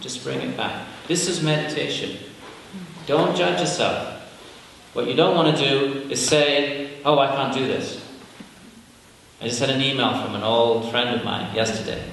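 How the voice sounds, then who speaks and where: A man teaches yoga philosophy at a retreat in an easy, conversational way, often checking in with his audience. His mid-pitched voice is picked up from far off. It rings with long reverb in a big hall over a faint hiss. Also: moderate pace, vocal fry, a bit bright.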